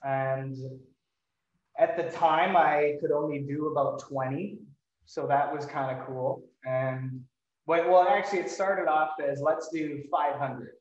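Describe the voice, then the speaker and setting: A man's voice: a little high, unhurried. A man chatting casually as a podcast host, in a hesitant, rambling, self-deprecating way. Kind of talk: casual chat, hosting an interview podcast. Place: indoors, in-person podcast recording. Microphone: microphone at some distance, no windscreen. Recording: echoey room, distant mic, dull sound.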